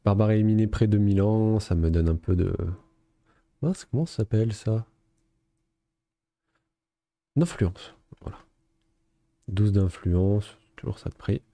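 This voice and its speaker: Man, let's play commentator, low gravelly voice, dark dry close sound, relaxed thinking aloud. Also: normal speed, no echo. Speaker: gaming video host.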